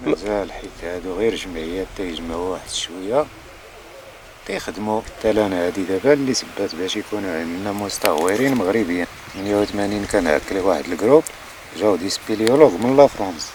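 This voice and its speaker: Low, fast-talking Moroccan man, explaining. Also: a little mellow, a little hiss or hum. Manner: mixes French words into his talk. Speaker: local caving guide. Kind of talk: informal explaining to a visitor.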